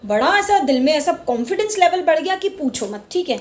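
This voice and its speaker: A middle-aged Indian woman living in Mumbai hosts her own casual opinion vlog, speaking passionately in Hindi sprinkled with English and repeating words for emphasis. Her high-pitched voice swings widely in pitch and moves fairly quickly.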